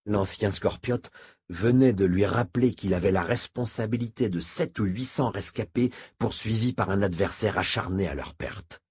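A man narrating an audiobook in a measured, even reading. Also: fairly low pitch, slightly rough, no echo. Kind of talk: scripted narration.

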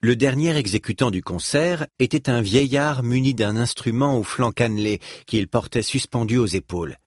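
A man reading a novel aloud with lively, rising and falling intonation. His voice is husky and slightly breathy, and the recording is dry and close. He tells the story with expressive rhythm. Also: medium pitch, no echo. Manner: expressive storytelling, voicing each character. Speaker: narrator. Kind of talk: audiobook narration.

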